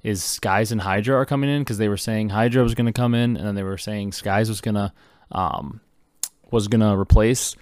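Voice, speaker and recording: A young man hosting a podcast, talking fast and excitedly with lots of fillers while he reacts to breaking esports news. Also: fairly low pitch, dry recording, clean studio sound. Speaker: podcast host. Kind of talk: casual esports news commentary.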